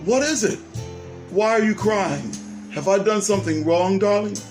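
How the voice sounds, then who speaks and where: An eager, bubbly young man, devoted to his sweetheart, as a male storyteller voices him. His voice runs high and excited, with faint guitar music behind. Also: normal speed, lightly acted. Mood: concerned.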